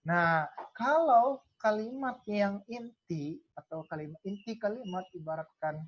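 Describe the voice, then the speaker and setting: A woman's voice: medium pitch, lively intonation, unhurried. A woman tutor teaching an online class, filling her talk with "nah" and asking and answering her own questions. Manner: calls herself Kakak, many "nah" fillers, asks and answers own questions. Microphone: video call. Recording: lo-fi video call audio.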